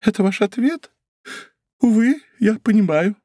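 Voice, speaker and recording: A man's voice: expressive, measured pace, mellow, no room sound, clean studio sound. A man voicing a miserly, lovestruck middle-aged prosecutor's wife who pleads and scolds. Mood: pleading. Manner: pleading, shrill, emotional.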